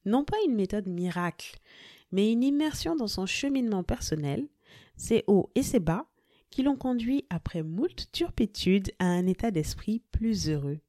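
A woman hosting a podcast, reviewing a book in a lively, friendly scripted delivery and speaking directly to her listeners. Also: medium pitch, a little slow, dry recording, studio quality. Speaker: podcast host.

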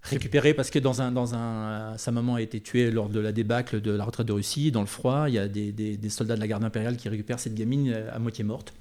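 Homme dessinateur au timbre sombre et feutré. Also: male voice, fairly low pitch, fast talker, few pauses. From Chablais, French Alps. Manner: animated, hesitant, many restarts. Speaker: comic book artist. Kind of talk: casual interview conversation.

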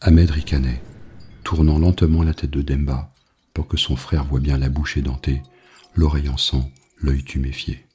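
A man reading an audiobook novel in a grave, measured narration. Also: a bass voice, flat delivery, mellow, slightly rough.

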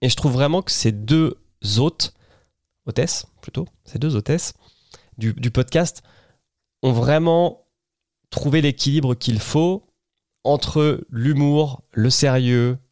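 A man's voice: medium pitch, takes it slowly, pauses often, a little mellow, no room sound. Brief: male podcast host, dry close sound, chatty and enthusiastic, lots of "euh" restarts. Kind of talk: casual podcast recommendation.

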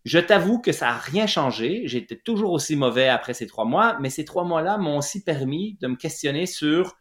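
His voice is on the high side, with lively intonation, a moderate pace and a fairly bright tone. A middle-aged man from Lac-Saint-Jean with a Quebec French accent, he's a running clinic founder telling his story as an interview guest, hesitating often with fillers and restarts. The room is roomy and echoey.

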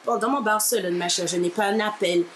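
A woman from Martinique tells a story with lots of energy and drama, jumping into the voices of the people she quotes. Her pitch sits in a middle range, and a clear layer of background noise runs under the recording. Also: a little fast. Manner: expressive, acts out quoted people, keeps saying "ma chère". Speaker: interview guest, radio presenter. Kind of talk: animated personal storytelling.

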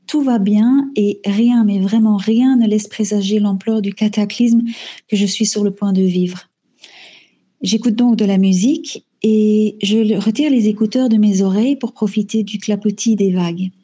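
A woman recounts her own story in the first person, pausing often on fillers and repeating words as she searches for them. Her voice is mellow and warm, with a husky, breathy edge. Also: mid-range voice. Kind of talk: first-person spoken testimony. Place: lives in Belgium.

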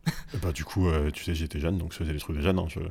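A man in his twenties, a school founder, speaking as a guest in relaxed interview talk with frequent fillers. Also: very deep voice, slightly rough. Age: 20s. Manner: fast, measured, many fillers. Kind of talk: casual interview chat.

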